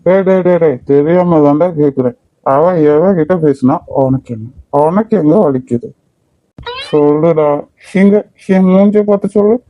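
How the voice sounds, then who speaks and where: A man's voice: on the high side, normal speed, dark tone, dry recording, lightly acted, rough recording. A man voicing an angry young office friend who mocks and confronts, with a Kanyakumari Tamil accent. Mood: accusing. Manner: confrontational, mocking.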